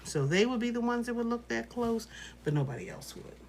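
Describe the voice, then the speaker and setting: A woman's voice: a little high, very animated, brisk, creaky, noisy background. A woman teaching quilting in a casual live tutorial, chatty and reassuring as she thinks aloud while working. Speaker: quilting instructor.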